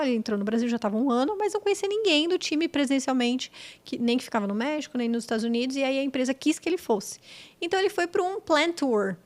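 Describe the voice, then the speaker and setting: A middle-aged woman from Brazil, an English teacher, chatting as a podcast guest and explaining with quick, animated examples. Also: a little high. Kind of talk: casual podcast chat.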